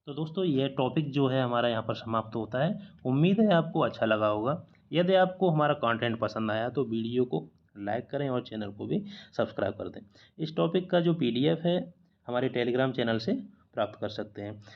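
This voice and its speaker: A man's voice: mid-range voice, expressive, moderate pace, vocal fry, highs cut off. A man teaching a spelling lesson from slides, patiently repeating each correct word and mixing English words into his explanations. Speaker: exam-prep teacher.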